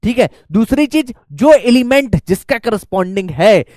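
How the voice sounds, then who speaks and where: A male maths teacher explains step by step in a coaxing tone and keeps checking that his class follows. His pitch rises and falls in a lively way. The recording is close and dry. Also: moderate pace, no echo. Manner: coaxing, keeps checking students follow, calls them "beta". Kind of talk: online maths lesson.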